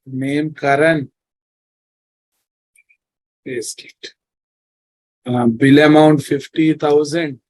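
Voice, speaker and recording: A man's voice: mid-range voice, a little mellow, no echo, poor audio. A man with a Telugu Indian accent teaching a live coding lesson, repeating his phrases and often checking in with his students. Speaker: programming teacher.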